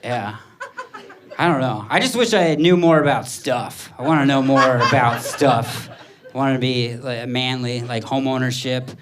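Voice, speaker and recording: A man's voice: medium pitch, a little slow. A man in his thirties doing stand-up comedy on stage, telling rambling, self-deprecating stories and acting out the people in them. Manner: rambling, self-deprecating storytelling with voiced quotes. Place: theater stage before a laughing audience. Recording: live stage recording with audible audience noise. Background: audience laughter.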